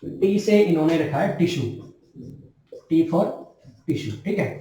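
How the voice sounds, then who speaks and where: A man's voice: on the high side, animated, slow, mellow. A man teaching nursing students in a lecture, repeating key terms and asking and answering his own questions. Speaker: nursing tutor. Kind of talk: classroom lecture. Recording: echoey room, distant mic.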